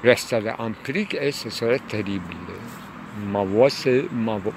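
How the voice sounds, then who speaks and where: A man musing aloud in a rambling monologue, hesitant and full of pauses and fillers, outdoors near a tunnel. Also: on the low side. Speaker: lecturer. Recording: loud traffic noise behind.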